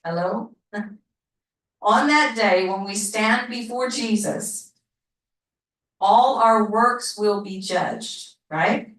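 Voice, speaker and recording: A woman teaching a Bible study class, talking slowly, repeating herself and asking the class questions. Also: medium pitch, fairly bright tone, far from the mic. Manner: slow, repetitive, asks the class questions. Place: church classroom. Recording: roomy, from off mic.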